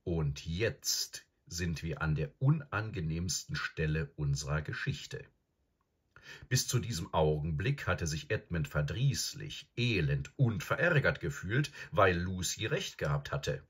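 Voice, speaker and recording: A man reading an audiobook aloud with expressive storytelling. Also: deep voice, measured pace, slightly rough. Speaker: audiobook narrator.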